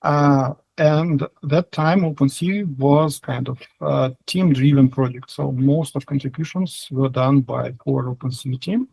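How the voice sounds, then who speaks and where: A man with a Russian accent answering interview questions casually, in halting, hesitant phrases. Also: mid-range voice, creaky, darkish tone, husky, no echo, rough recording. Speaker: software engineer, interview guest.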